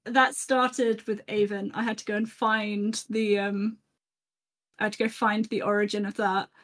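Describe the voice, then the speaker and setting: A woman co-hosting a podcast, chatting casually in a halting, self-interrupting way. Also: medium pitch, flat delivery, fairly bright tone. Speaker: podcast co-host. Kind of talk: casual chat.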